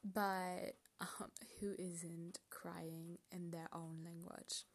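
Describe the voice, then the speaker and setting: Slow, gravelly young German woman. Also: lowish voice, level tone. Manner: hesitant, rambling, laughs often, many fillers. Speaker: podcast host. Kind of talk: casual solo podcast talk.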